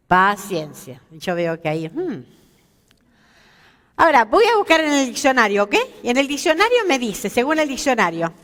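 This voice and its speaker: Her mid-range voice fills a big church hall while she leads a Bible lesson for a women's seminar. With lively energy, she quizzes the audience and pokes fun at herself.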